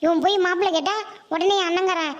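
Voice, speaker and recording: A woman doing a long-suffering cartoon mother, very high voice, brisk pace, soft, placating and resigned. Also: fairly even intonation, dull audio. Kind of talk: Tamil cartoon voice acting.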